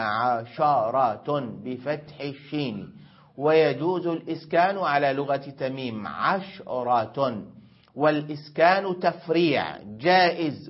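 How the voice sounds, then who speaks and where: A middle-aged man teaching grammar in a slow, measured way, repeating each example and stretching out words. His voice sits a little high for a man. The recording is dull and lo-fi. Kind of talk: classroom grammar lesson.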